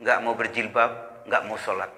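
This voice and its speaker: A man's voice: lowish voice, normal speed, in a large hall. A man preaching a Ramadan sermon in a mosque, telling stories and acting out the voices of the people in them. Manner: animated storytelling, acting out congregants' voices.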